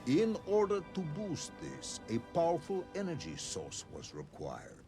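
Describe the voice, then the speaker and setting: Game role: stern general, commanding and clipped, wildly swinging pitch, game music under. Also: male voice, huge pitch swings, unhurried. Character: stern interrogating male general.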